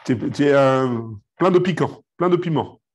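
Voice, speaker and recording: A man's voice: on the high side, moderate pace, husky. A rabbi teaching a live Talmud class, explaining step by step, mixing in Hebrew and Aramaic terms and checking with his students.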